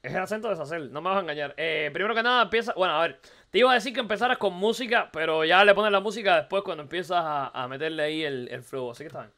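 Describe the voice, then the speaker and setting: This streamer from Cuba reviews a viewer's video in relaxed live-stream chatter, talking very fast in Cuban Spanish, mocking, echoing his own phrases and asking question after rhetorical question. He sounds high and bright, with a slight rasp left over from last night's recording session.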